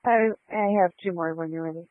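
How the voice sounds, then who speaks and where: A man's voice: on the high side, a little fast, no echo. A man speaking as a police officer calling in over radio, procedural and precise. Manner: procedural, spells out letters and numbers. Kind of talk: police radio call-ins. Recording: narrow, muffled two-way radio transmission.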